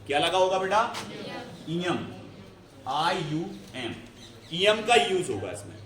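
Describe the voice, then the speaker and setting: A man's voice: high voice, wildly swooping pitch, fairly quick, fairly bright tone. A male chemistry teacher giving a classroom lecture, explaining step by step and often checking whether students follow. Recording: echoey room, faint ambience.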